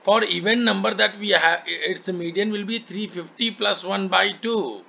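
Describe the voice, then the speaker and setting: Indian-accented male tutor, bright creaky voice. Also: sits high, moderate pace. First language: Hindi. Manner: repetitive, checking understanding often. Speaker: online maths tutor. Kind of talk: one-to-one lesson, explaining step by step. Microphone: online call microphone. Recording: muffled, noisy online call recording.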